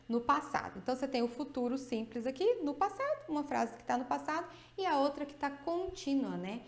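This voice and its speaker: A woman with a Brazilian Portuguese accent teaching an English grammar video lesson, explaining step by step and checking in often with her students. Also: sits high. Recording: echoey room.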